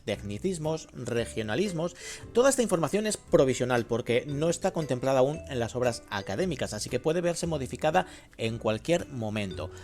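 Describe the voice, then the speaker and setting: A man hosts a language lesson podcast. He explains things in a lively, teacherly way, with his voice sitting in a middle pitch. Faint music plays behind him. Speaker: host.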